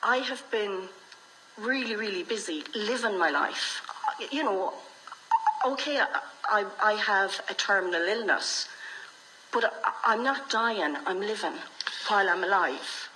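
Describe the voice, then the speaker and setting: A woman's voice: mid-range voice, measured pace, sharp tone, a little hiss or hum, low-quality recording. A middle-aged woman with an Irish accent, telling her own story frankly and reflectively as an interview guest. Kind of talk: candid personal storytelling in conversation.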